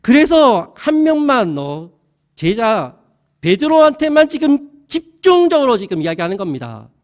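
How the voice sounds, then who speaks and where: A man's voice: very high-pitched, very animated, a little slow, a little mellow. A male pastor preaching a sermon in a colloquial style, peppering the congregation with rhetorical questions.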